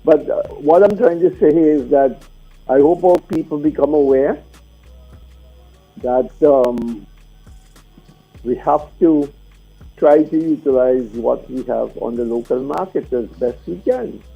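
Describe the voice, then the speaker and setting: A man with a Vincentian accent phones in to a radio show, chatting casually and voicing opinions in a rambling, teasing way packed with questions. His slightly rough voice is a little high and creaky, and he speaks slowly with long pauses. The call sounds muffled, with music in the background.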